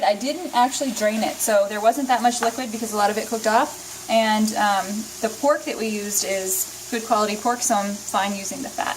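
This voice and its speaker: A woman's voice: mid-range voice, rough recording. A woman giving a casual, chatty cooking demonstration, explaining each step as she goes. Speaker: home cook demonstrating a recipe. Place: home kitchen. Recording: sizzling pan noise behind the voice. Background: frying and stirring sounds.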